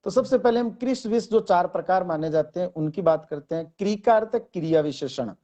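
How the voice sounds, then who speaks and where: A man who is a Hindi lecturer, explaining grammar to exam students slowly and deliberately, spelling out word lists one by one. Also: sits high, animated, warm tone, muffled recording.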